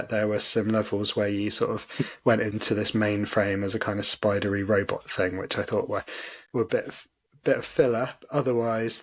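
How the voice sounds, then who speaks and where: Male podcast host, fairly low voice, chatty and self-deprecating, loose delivery. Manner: chatty, self-deprecating, many fillers and laughs. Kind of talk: casual chat.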